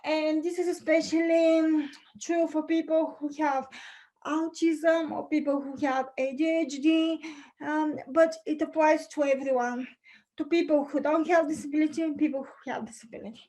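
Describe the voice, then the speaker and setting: A young Bulgarian woman with a bright, high, steady voice walks through presentation slides as a conference speaker on a video call. She speaks carefully and a little haltingly, dropping small fillers between points, and the recording is rough.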